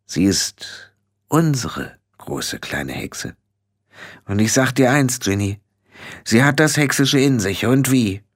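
Ein Mann spricht einen kleinen, grüblerischen Clanchef, der grummelt und poltert. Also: male voice, mid-range voice, very animated, slow pace, no room sound, studio quality, pitched above the performer's own voice. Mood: brooding. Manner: grumbling and blustering. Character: gruff, brooding little fairy-clan chief man.

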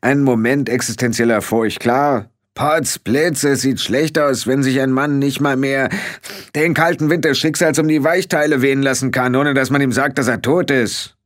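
Ein Mann spricht einen kleinen, grüblerischen Clanchef, der grummelt und poltert. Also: male voice, fairly low pitch, measured pace, dry recording, studio quality, close to an everyday voice. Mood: blustering. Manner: grumbling and blustering. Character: gruff, brooding little fairy-clan chief man.

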